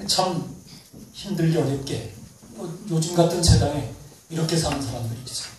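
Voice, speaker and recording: 울림 큰 교회에서 설교하는 남자 목사. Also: male voice, a little hiss or hum. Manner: animated storyteller, acts out dialogue with rising pitch. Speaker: pastor. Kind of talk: sermon storytelling. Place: church hall. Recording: echoey church hall, distant mic.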